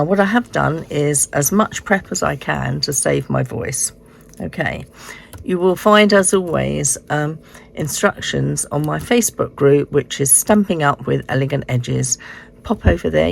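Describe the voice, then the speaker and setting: Croaky, low-voiced woman demonstrating crafts. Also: a little hiss or hum. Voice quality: hoarse, croaky like a frog. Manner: unhurried, explaining step by step. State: croaky voice, recovering from illness. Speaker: host of a card-making tutorial. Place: indoors at a craft desk.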